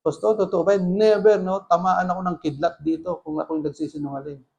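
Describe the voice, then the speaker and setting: A pastor delivers a sermon with a notably high-pitched voice. He mixes Tagalog and English, keeps asking the listeners rhetorical questions, and preaches with earnest emphasis. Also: fairly even intonation, a little fast, vocal fry, a little mellow.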